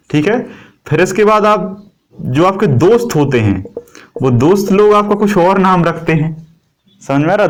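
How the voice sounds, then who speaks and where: A middle-aged man, teaching a classroom lecture and explaining with everyday analogies and rhetorical questions to the class. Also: a little high.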